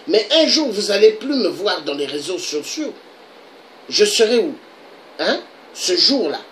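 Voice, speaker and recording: Man, political video monologue, unhurried, animated declamatory delivery. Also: high-pitched, vocal fry, a little hiss or hum, poor audio. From Republic of the Congo. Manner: declamatory, with repeated rhetorical questions.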